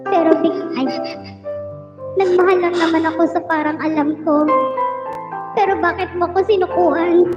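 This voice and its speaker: Very high-voiced woman reading heartbreak letters. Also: fairly even intonation, moderate pace, pauses often. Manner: teasing, playful banter between readings. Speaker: livestream host. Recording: roomy, dull, with music behind.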